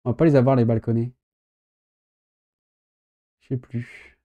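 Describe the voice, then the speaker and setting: A man's voice: medium pitch, steady tone, unhurried, lo-fi sound. A man chatting casually while reacting to a video, thinking aloud and hesitating often. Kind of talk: casual chat.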